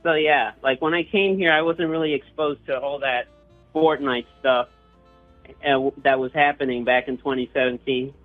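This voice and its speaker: A man's voice: medium pitch, fairly even intonation, normal speed. Young man on a tinny line. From Puerto Rico. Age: young adult. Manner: hesitant, with frequent restarts and fillers. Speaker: interviewee. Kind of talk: casual personal storytelling. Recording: tinny phone-like line with faint guitar music.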